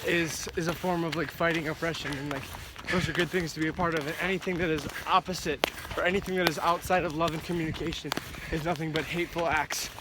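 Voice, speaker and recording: A man with a fairly high voice talks through his opinions while running outside. Loud outdoor noise surrounds his casual speech. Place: outdoors, on a run. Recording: very noisy outdoor street recording.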